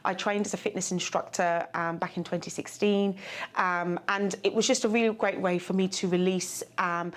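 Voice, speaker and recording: A woman's voice: fairly low pitch, steady tone, moderate pace. A woman from London, a fitness instructor, chatting in a friendly way in an interview. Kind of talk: interview speaking to camera.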